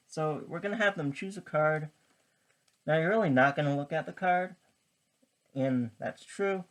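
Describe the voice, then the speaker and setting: A tutorial presenter with a mid-pitched voice delivers casual card magician patter. The pace is slow, and the explanation comes step by step in halting little pieces.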